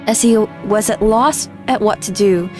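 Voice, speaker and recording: Streamer reading game aloud, earnest, wry asides, faint music. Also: female voice, medium pitch, a little slow, darkish tone.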